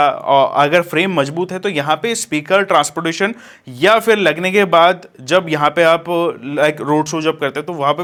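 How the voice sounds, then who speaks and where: A man's voice: a little high, a bit bright. A man casually reviewing and unboxing a speaker, talking to viewers as friends and using plenty of fillers. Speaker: DJ equipment vlogger.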